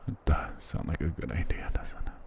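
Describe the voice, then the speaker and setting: At a normal speed and close to his everyday voice, a man performs an intimate ASMR roleplay as a dominant, doting vampire lord. He's tender and possessive, using formal endearments in a seductive mood.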